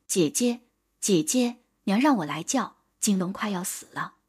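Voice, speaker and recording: Woman voicing a cheeky village boy, husky. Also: mid-range voice, animated, unhurried. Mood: urgent. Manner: blunt and cheeky. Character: defiant, sharp-tongued young village boy.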